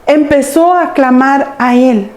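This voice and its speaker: High-voiced woman preaching a sermon. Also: slow pace, a little mellow, reverberant. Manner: earnest storytelling preaching, addressing the congregation. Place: church sanctuary.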